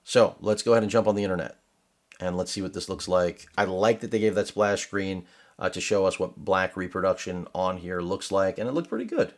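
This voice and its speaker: Very low-voiced man rambling through a tech demo. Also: level tone, a little fast. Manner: rambling, digressive, sarcastic asides. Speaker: tech reviewer. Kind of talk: casual unboxing commentary. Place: home studio with lights.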